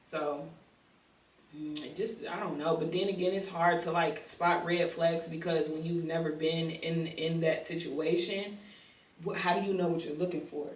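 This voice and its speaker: A woman's voice: deep voice, fairly even intonation, normal speed, a little hiss or hum. A woman as a podcast guest, speaking candidly and emphatically in slangy casual talk. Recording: echoey room, distant mic.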